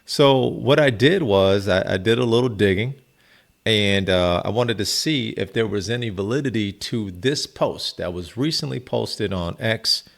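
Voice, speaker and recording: A man's voice: on the low side, measured pace, gravelly. A man giving casual, conversational video commentary as he fact-checks. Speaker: commentator debunking a viral post.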